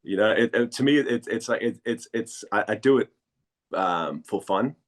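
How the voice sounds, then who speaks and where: A Danish man with a fairly low voice chats casually as a guest in an interview. He speaks haltingly and repeats words while he thinks.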